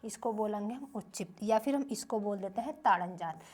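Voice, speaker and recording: A woman's voice: medium pitch, a little fast, darkish tone. Woman teacher drilling a grammar lesson. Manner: repeats questions and answers them herself in drilling rhythm. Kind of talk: Hindi grammar lesson for children.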